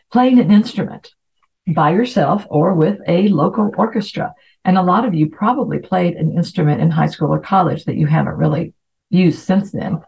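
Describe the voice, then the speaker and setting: The voice is a woman's, fairly low and creaky, belonging to a middle-aged podcast host who grew up in Latin America. She gives a chatty, informal self-help talk peppered with anecdotes, recorded in dull, lo-fi sound.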